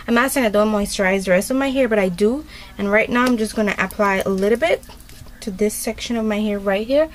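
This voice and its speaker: With slight background noise behind her, a woman beauty vlogger talks through a hair tutorial in a medium-pitched voice. Her delivery is relaxed and rambling, packed with fillers.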